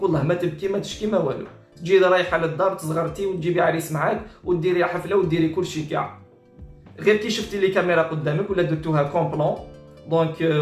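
A man with an Algerian accent giving informal, exasperated reaction commentary, repeating himself and switching between Arabic and French. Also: on the high side. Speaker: online commentator. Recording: roomy echo with faint music. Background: faint music.

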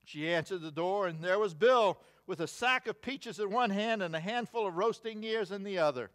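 An older American man preaching from a church pulpit in a fairly high voice. He reads through points with measured emphasis and slips in wry asides. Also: a bit bright. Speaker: pastor. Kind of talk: sermon. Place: church sanctuary, at a wooden pulpit. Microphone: pulpit mic, far camera.

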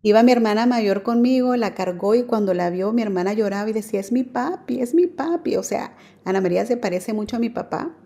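A woman's voice: mid-range voice, fairly even intonation, fast talker, hardly any pauses, mellow. A woman telling her personal faith story as a radio guest, earnest and full of fillers. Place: radio studio.

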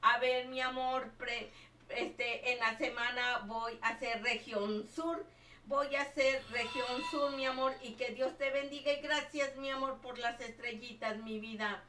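Older woman, slow and bright, doting live-stream gamer, echoey room, mic at a distance. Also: fairly high pitch, steady tone, a little hiss or hum. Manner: doting, calls everyone my child and my love. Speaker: livestreaming gamer. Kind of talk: live game stream chat.

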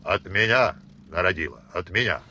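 A stern old Old Believer father, played by a male reader, barking commands in rustic dialect. His voice swings widely between low growls and sharp outbursts. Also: animated, normal speed, heavily acted. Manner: harsh, commanding, threatening, rustic speech.

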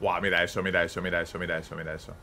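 A man with a Spain Spanish accent giving casual, excitable reaction commentary over gameplay, dropping quick tag questions to his viewers. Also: low-pitched, slight background noise. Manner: excitable, peppers speech with quick tags. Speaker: gaming YouTuber.

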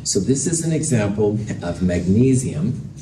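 A man's voice: fairly low pitch, sing-song, measured pace. A man lecturing as a professor in a lecture hall, explaining things in a casual, self-deprecating way. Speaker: chemistry professor. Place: indoor lecture hall with projector screen and chalkboard. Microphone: distant from the speaker. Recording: roomy lecture hall, distant mic, noisy.

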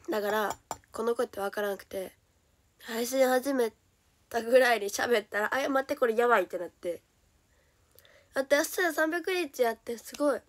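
Hoarse young Kansai woman chatting on stream. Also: a little high. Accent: Kansai Japanese. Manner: chatty and giggly, slipping often into soft whispers. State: hoarse, voice lower than usual. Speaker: idol livestreamer. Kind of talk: casual solo livestream chat.

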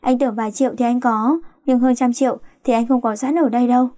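A woman voicing a polite young man who talks hesitantly and gently on a first date. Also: fairly high pitch, fairly even intonation, fast talker, no echo, clean studio sound, lightly acted. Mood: flustered.

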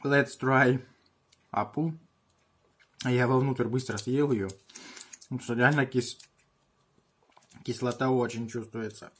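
A man in his thirties chatting casually on a home vlog in halting short bursts while he handles and tastes things, with a husky voice. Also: mid-range voice, flat delivery. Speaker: video host tasting candy. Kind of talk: casual vlog chat with muttered reactions. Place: small room at home.

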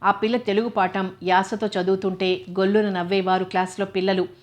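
A woman narrating a novel in a steady, even storytelling manner. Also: mid-range voice, fairly quick.

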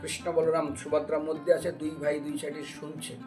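A man with a fairly high voice, a little fast, with little pitch movement and a dark tone, gives a devotional lecture as a religious preacher. He tells stories, recites and explains scripture verses, and asks rhetorical questions along the way. The mic is distant, with music playing behind him.

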